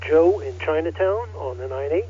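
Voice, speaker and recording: Higher-voiced man on a ham radio call. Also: animated, normal speed, warm tone, breathy edge. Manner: clipped call-sign delivery. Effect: ham radio call over a repeater. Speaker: ham radio operator checking in. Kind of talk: radio net check-in. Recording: dull lo-fi radio with faint static.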